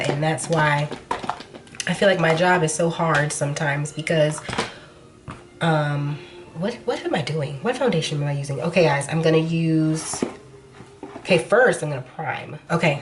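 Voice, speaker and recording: A young woman beauty vlogger with a low, nasal voice, stuffed up after being sick, chats casually and frankly while applying makeup in a tutorial. The background is noisy.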